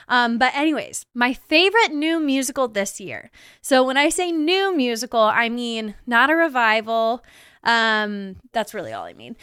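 A woman in her mid-twenties chats through her podcast in a bubbly, rambling way, full of "like" and small laughs. Her voice is smooth and clear and sits a little high. The sound is close and dry, with no room around it. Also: fairly bright tone, no echo. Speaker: podcast host. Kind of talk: casual solo podcast recap.

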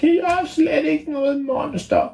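Man doing a tiny winged sprite girl for a told story, sulky and touchy, squeaky voice pitched far above his own. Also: fairly even intonation, vocal fry, darkish tone. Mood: hurt.

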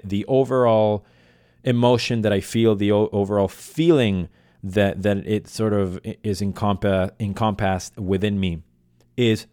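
A man with a fairly low voice, recorded close and dry. He hosts a solo fan podcast off the cuff. His delivery is casual, passionate and led by feeling. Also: darkish tone, clear, resonant tone, dry recording. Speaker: podcast host.

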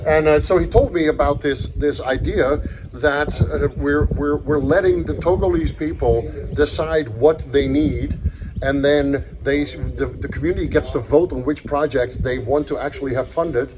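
A man who grew up in Ethiopia, a podcast guest in casual conversation, telling stories in an animated, earnest way, recorded outdoors on a farm. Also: fairly high pitch, normal speed, noisy background.

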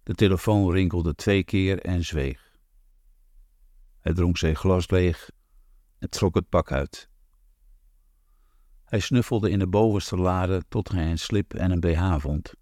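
A man narrating an audiobook in a calm, measured, even reading. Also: deep voice, no room sound, clean studio sound. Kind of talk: scripted narration.

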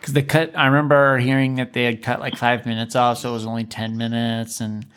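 A man hosting a casual interview, talking in an animated, sarcastic way. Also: mid-range voice, fairly quick, clean tone. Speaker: podcast host.

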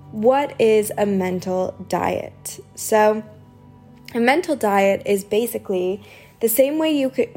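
A woman's voice: mid-range voice, darkish tone. Chatty woman podcaster with music behind. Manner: chatty, informal, emphatic repetition of words. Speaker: podcast host and teacher. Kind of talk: casual solo podcast talk.

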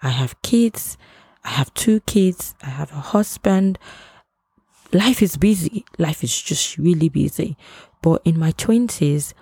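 A woman's voice: low-pitched, lively intonation, takes it slowly, dark tone, husky, no room sound, clean studio sound. A woman in her thirties hosting a podcast, giving earnest advice in a casual reflective monologue. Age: 30s. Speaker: podcast host.

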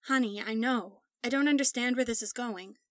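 A woman's voice: fairly high pitch, normal speed, no room sound, clean studio sound, close to an everyday voice. A woman voicing an anxious young pregnant woman who presses with nervous questions in a storybook reading.

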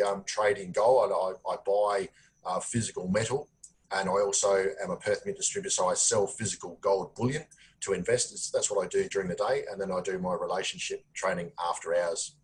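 A man with a low-pitched Australian voice answers interview questions in an earnest, plain-spoken way. He pauses often on ums as he explains himself. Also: rough recording. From South Australia. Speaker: podcast guest. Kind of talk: conversational interview.

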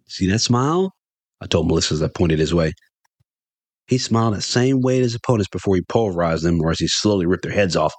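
A middle-aged man telling a funny personal story in first person, animated and getting excited when he quotes himself. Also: no room sound. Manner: animated, jumps higher for excited quoted lines.

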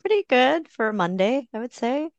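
A woman's voice: a little high, big pitch swings, moderate pace, no room sound, muffled recording. A woman therapist co-hosting a podcast, upbeat and laughing often in casual chat.

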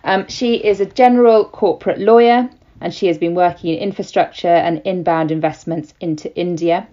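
A woman hosting an interview podcast over a video call, speaking in a measured way with frequent "um"s. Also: fairly low pitch, steady tone, mellow, dull audio. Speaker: podcast host.

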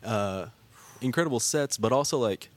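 A man's voice: mid-range voice, animated, normal speed. A man telling stories in casual chat, earnest and full of fillers like "uh" and "like". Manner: storytelling, filler-heavy, earnest.

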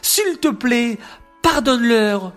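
A woman's voice: a little high, lively intonation, slow, soft background music, voice pushed up. A woman voicing Moses as a pleading grown man in a children's storybook.

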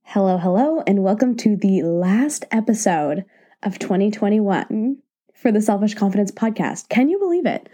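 Sitting on the floor of her home office, a woman hosts a casual solo podcast while nursing a cold that leaves her slightly nasal and stuffed up. Her mid-range voice is animated and dark-toned at normal speed, and she's chatty, encouraging and self-deprecating over soft background music.

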